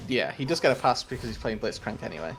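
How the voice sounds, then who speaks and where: A man's voice: medium pitch, sing-song, quick pace, a little hiss or hum. A man giving color commentary on an esports match, explaining tactics with a dry, teasing humor. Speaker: esports caster.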